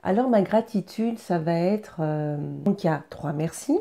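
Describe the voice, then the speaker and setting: A woman's voice: fairly low pitch, expressive, unhurried, vocal fry, dark tone. A woman talking casually and earnestly to her viewers about her daily routine, hesitating often with fillers and restarts. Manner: earnest, encouraging, speaking directly to viewers. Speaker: vlogger sharing personal routines. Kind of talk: casual personal vlog.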